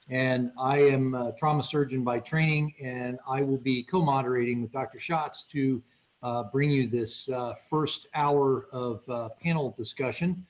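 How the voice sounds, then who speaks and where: Formal man moderating a medical panel. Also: mid-range voice.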